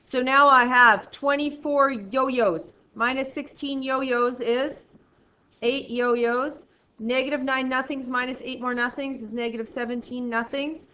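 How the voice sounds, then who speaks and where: A woman in her forties teaching a math lesson to a class, lively and playful, teasing her students. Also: high-pitched, a little slow. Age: 40s. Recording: echoey room, dull lo-fi sound, faint noise.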